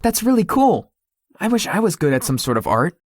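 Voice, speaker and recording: A woman with a lowish, sing-song voice and a darkish tone plays a shy, sweet young man in a visual novel, speaking a little fast. She sounds friendly and gentle but hesitant, stammering when he gets flustered or embarrassed. The studio-quality recording has no echo.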